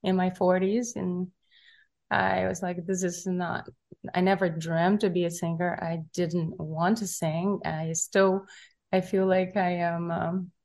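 A middle-aged woman telling her story in an interview, soft-spoken and searching for words, with frequent pauses and fillers. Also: on the low side, flat delivery, vocal fry. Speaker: recording artist interviewed.

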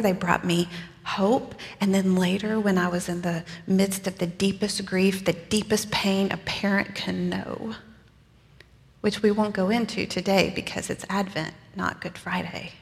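A woman's voice: mid-range voice, fairly even intonation, normal speed, in a large hall, close to an everyday voice. A woman preaching in the first person as Mary, a young mother telling her own story in an earnest, conversational way with casual asides, in a church. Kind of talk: first-person dramatic sermon monologue.

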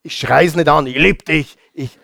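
A man preaching a sermon, talking informally to his congregation and sinking into soft whispers for emphasis. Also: a little high, moderate pace, vocal fry, no echo. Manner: informal, addresses congregation directly. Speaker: pastor.

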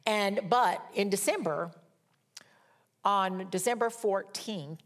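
A middle-aged woman preaching a sermon. She moves from fervent, raised scripture reading to soft, hushed storytelling. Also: mid-range voice, takes it slowly. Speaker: minister.

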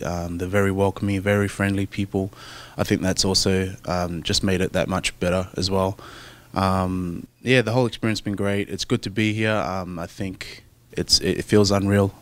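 A young man with an Australian accent, a rugby player answering interview questions in a soft, hesitant, thoughtful way with many fillers. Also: low voice, little pitch movement, moderate pace.

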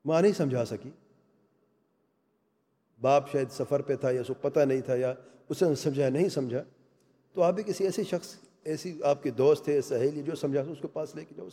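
In a large hall whose reverb lingers, a male Islamic lecturer speaks earnestly about family life. His mid-range voice is mellow and broken by long pauses, yet he stays emphatic and keeps posing rhetorical questions to listeners.

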